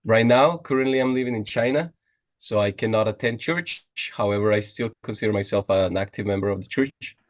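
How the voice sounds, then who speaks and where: Young man, podcast guest, low voice, lots of restarts. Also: a little fast. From Costa Rica. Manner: restarting, filler-heavy, lively. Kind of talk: casual chat.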